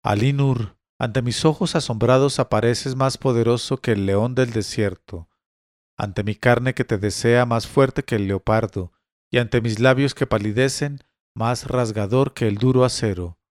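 A man's voice: mid-range voice, steady tone, unhurried, dry recording, natural voice. Meek young slave girl, as a man reading the story does her, dry and close. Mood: adoring. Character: young slave woman, devoted, submissive.

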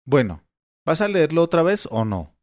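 A man voicing an irritable eighty-year-old father who stumbles over words and turns sharp and shrill when annoyed, read aloud in an audiobook. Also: sing-song, no echo, clean studio sound. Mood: testy. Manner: halting, testy, voice rising when irritated.

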